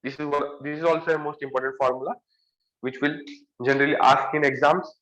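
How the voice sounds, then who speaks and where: A man's voice: fairly high pitch, fairly even intonation, fast talker, fairly bright tone, roomy sound, poor audio. A young man with a Marathi accent giving an exam-prep lecture, repeating key phrases and stressing words. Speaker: engineering lecturer.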